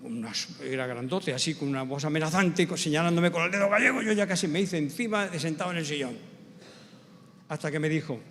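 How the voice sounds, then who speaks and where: A male pastor with a Spanish accent from Spain, preaching a sermon as an animated storyteller who builds to emphatic, slow preaching. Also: a little high. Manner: animated storyteller who acts out quoted voices. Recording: long church hall reverb.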